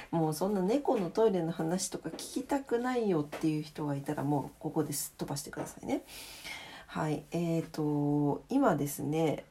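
A woman's voice: deep voice, mellow, a little hiss or hum. A woman hosting a casual late-night solo audio diary, speaking in a polite, chatty, self-deprecating way. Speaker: solo audio diary host, radio-DJ style greeting.

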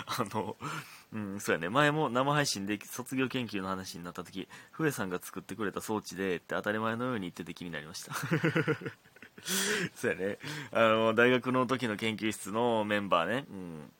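A man in his thirties with a Kansai accent and a slightly hoarse throat, chatting casually alone as a podcast host reading listener letters, laughing often and dropping to mutters. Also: on the low side, expressive, normal speed, a bit bright. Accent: Kansai Japanese. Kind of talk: casual solo chat.

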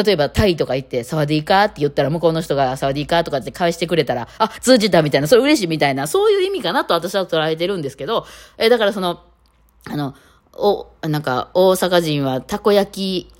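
A low-voiced woman from the Kitakawachi area of Osaka, Japan, speaking with a Kansai Kitakawachi accent, hosts a casual solo podcast chat. She talks rapidly and rambles, filling her speech with fillers.

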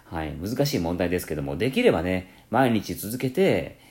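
A man from Kansai with a Kansai-tinged accent mixed with standard speech, hosting a casual solo radio talk, rambling with many fillers and self-corrections. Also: moderate pace. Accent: Kansai mixed with standard Japanese. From Kansai, Japan. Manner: lively rising and falling pitch. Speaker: podcast host.

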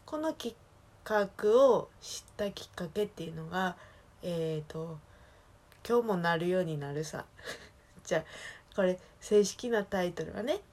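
A woman from Osaka with a soft Kansai accent talks on her own in a chatty, meandering way. Her voice sits a little low, and she stops and corrects herself now and then. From Osaka, Japan. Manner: chatty, rambling, self-correcting. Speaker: solo podcast talker. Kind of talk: casual solo chat.

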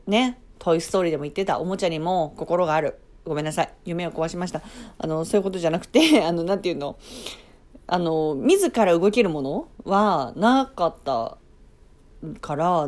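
Animated woman telling a story casually. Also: on the low side. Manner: animated, acts out sound effects and her own reactions; chatty, self-interrupting with playful asides. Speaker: podcast host.

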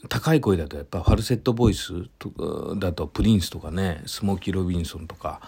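Solo talk host: middle-aged man, deep low register, relaxed rambling delivery full of drawn-out fillers. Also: vocal fry. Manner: unhurried and musing, many drawn-out fillers. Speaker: podcast host.

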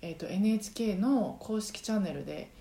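A woman's voice: mid-range voice, brisk, gravelly, mellow, reverberant. A woman who works as a singing trainer, hosting her own podcast in a casual, chatty way with many fillers. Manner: chatty, many fillers, sings short phrases to demonstrate. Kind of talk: casual solo podcast talk. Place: apartment home.

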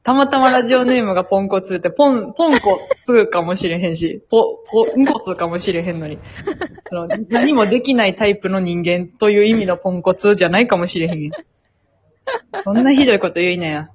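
A woman with a Kansai accent hosts a casual comedy talk show, reading out listener mail and launching into lively stories. Her voice sits in a middle register. The recording is a little dull and lo-fi. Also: mid-range voice, fast talker, husky. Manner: reads listener letters, animated storytelling with mimicry. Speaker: comedy radio host.

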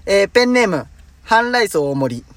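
A young man with a high voice that never broke, chatting as host of a casual podcast. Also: sing-song, fairly quick, a bit bright. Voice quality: high, unbroken voice. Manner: chatty, dialect-heavy, laughs often. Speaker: radio show host. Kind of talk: casual podcast chat reading listener letters.

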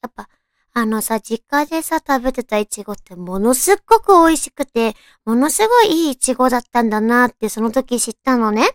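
A woman with a cute, girlish anime-like voice, chatting casually on her own as a radio talk host, with softly drawn-out phrasing. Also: on the high side, lively intonation, no echo, studio quality. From Tochigi, Japan. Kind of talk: casual solo chat.

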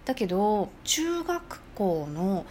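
A woman's voice: medium pitch, slow pace, slight background noise. A middle-aged woman hosting a casual solo talk show, telling personal stories in a chatty way and acting out the voices she quotes. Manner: chatty storyteller, lively, acts out quoted voices. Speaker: podcast host.

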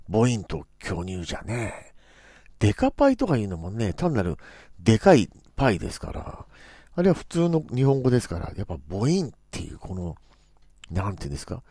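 A man's voice: mid-range voice, dark tone, breathy edge, no room sound, clean studio sound. A man hosting a casual solo talk show, musing playfully and acting out quoted phrases. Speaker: podcast host.

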